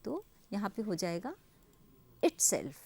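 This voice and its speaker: Slow, lively-voiced woman teacher. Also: mid-range voice, gravelly, breathy edge. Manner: explains slowly, reads English examples out very slowly; asks and answers her own questions. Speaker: English teacher. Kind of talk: recorded grammar lesson.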